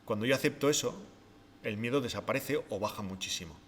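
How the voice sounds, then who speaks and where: A man, explaining ideas step by step on a podcast in a calm, reflective way, often posing rhetorical questions. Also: fairly low pitch, fast talker, in a large hall, slight background noise. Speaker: podcast co-host, behavior expert.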